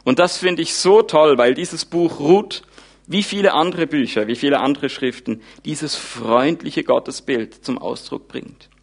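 A man preaching a sermon, retelling a Bible story in a lively, informal way and speaking the characters' thoughts aloud. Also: on the high side, unhurried, vocal fry. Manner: animated, wide swings in loudness.

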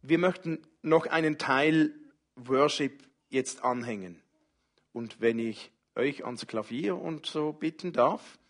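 A man preaching a sermon as pastor, speaking slowly and gently and inviting the congregation to worship. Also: mid-range voice. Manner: slow, gentle, speaks softly in personal address.

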